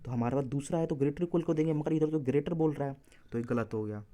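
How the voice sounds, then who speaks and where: A man's voice: on the high side, quick pace, mellow. A man teaching exam reasoning, explaining step by step and correcting himself. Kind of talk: exam-prep lesson walking through answers.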